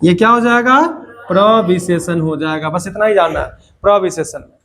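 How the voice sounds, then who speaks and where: A man's voice: sits high, moderate pace, a bit bright, a little hiss or hum. A man teaching a grammar lesson to students, repeating points and asking questions that he answers himself, with playful asides.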